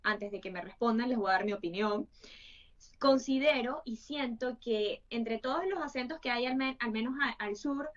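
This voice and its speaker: A woman's voice: on the high side, normal speed. A woman hosting an interview, thinking aloud reflectively and often adding tag questions. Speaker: host. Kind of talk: interview conversation. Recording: distant, dull lo-fi sound.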